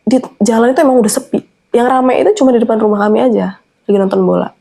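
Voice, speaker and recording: A woman's voice: a little high, fast, vocal fry, mellow. A young adult woman telling a personal horror story in an earnest, anxious way. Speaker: guest storyteller.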